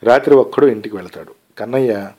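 A man narrating a short story aloud in a calm, measured storytelling manner. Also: mid-range voice. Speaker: story reader.

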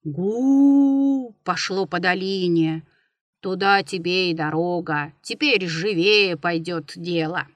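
Woman narrator, storybook reading, slow, dry close sound, expressive. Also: on the low side, dry recording.

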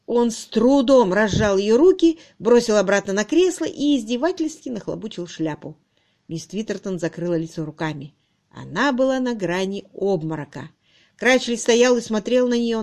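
A woman narrating a novel in an audiobook, with measured, expressive reading. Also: medium pitch. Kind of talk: scripted narration.

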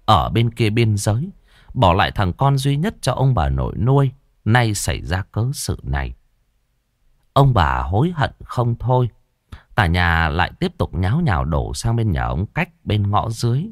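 Low-voiced man telling a horror tale. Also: no room sound, clean studio sound. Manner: dramatic, expressive. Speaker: storyteller. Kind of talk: horror story narration.

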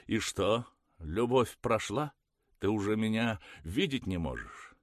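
A man's voice: fairly low pitch, lively intonation, unhurried, no room sound, studio quality, voice pushed up. Man reading as a desperate, mocking young man. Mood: hurt. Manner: loud, emphatic, sarcastic. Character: desperate, hurt young man, quick to mock.

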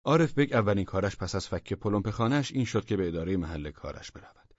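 A man narrating an audiobook story in a measured, expressive reading. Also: on the low side, no room sound, muffled recording.

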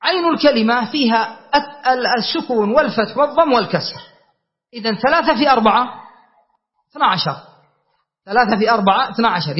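A man teaching a grammar class, reciting verses slowly and then explaining them and quizzing his students. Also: very high voice. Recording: dull lo-fi recording.

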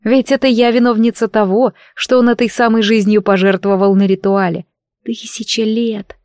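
A woman's voice: medium pitch, fairly even intonation, brisk, a little mellow, no echo, clean studio sound. A woman reading a first-person audiobook with an emotional, intimate delivery. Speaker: audiobook narrator.

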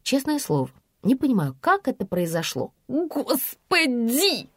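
A woman reads a humorous first-person story with an ironic, lively delivery, her pitch rising and falling freely. Her voice sits in a middle register and is recorded dry and close, with no room sound. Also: moderate pace, no echo. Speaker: audiobook narrator. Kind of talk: expressive audiobook narration.

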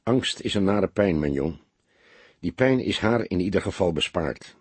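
A man narrator voicing a calm, wry older male police detective who speaks in a calm, deliberate way. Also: sits low, breathy edge, no room sound.

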